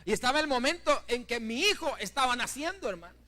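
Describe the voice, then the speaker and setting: A middle-aged man preaching a sermon in a church, telling a personal story with fervor, swinging between loud peaks and hushed asides and calling the congregation brothers. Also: extremely high pitch, animated, quick pace. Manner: keeps addressing the congregation as brothers. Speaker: pastor. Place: church building.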